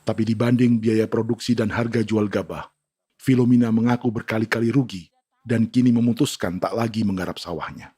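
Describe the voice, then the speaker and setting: A man reading a scripted news documentary narration in a measured, even way. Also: fairly low pitch, husky.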